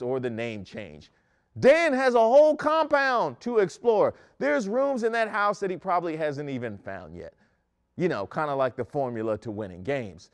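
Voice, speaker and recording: A man's voice: on the high side, clear, resonant tone. A young man hosting a comedic news segment, joking with mock-outraged asides, recorded standing in a studio. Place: studio set in front of a screen.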